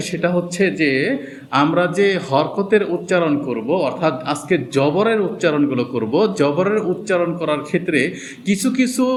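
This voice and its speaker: Man, teacher, fairly high voice, slow step-by-step lesson, repeats himself, faint hiss. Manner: repeats each point slowly, sounding out letters. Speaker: Quran reading teacher.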